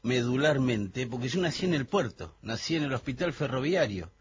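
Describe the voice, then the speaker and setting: Hoarse Argentine radio presenter, faint hum. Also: male voice, mid-range voice, animated, normal speed, lo-fi sound. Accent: Argentine Spanish. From Buenos Aires, Argentina. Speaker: radio co-host, music presenter. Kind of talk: casual radio chat.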